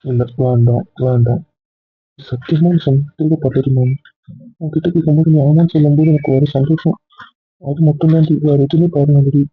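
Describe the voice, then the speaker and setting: A man's voice: a little high, steady tone, a little fast, husky, faint music behind. A man voicing an insecure young man who pleads and coaxes his partner again and again. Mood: pleading. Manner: pleading, coaxing, repetitive. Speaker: husband or boyfriend. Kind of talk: Tamil audio drama acting. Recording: tinny phone-like recording.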